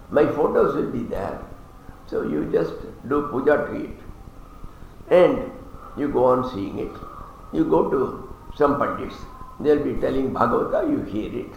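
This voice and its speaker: Man, religious teacher, gravelly voice, chants verses then explains them wryly, very echoey hall. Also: a little high, muffled recording. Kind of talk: scripture discourse with Sanskrit verses. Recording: very echoey hall, faint background noise.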